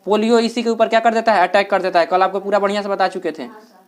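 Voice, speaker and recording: A man's voice: high voice, steady tone, fast. A male teacher giving a classroom lecture, asking questions and answering them himself, with regional dialect words in his Hindi.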